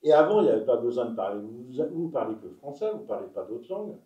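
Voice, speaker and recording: A man's voice: medium pitch, very animated, quick pace, dark tone, far from the mic. A man interviews, repeating and rephrasing his questions. He sits away from the mic in a roomy space, and the sound is dull. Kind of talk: oral history interview.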